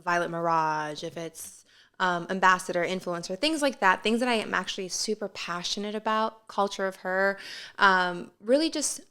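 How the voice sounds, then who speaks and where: Bright, smooth-voiced woman co-host. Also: medium pitch, lively intonation, moderate pace. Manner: easygoing, rambling, with many fillers. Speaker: podcast co-host. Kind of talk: casual chat.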